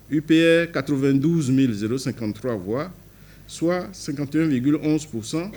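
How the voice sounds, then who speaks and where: A man's voice: on the high side, a little mellow. A man from Benin reading out election results in a formal manner, stressing the party initials and correcting himself on some figures. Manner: reads numbers aloud, stressing party initials, self-corrects. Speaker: court official reading results.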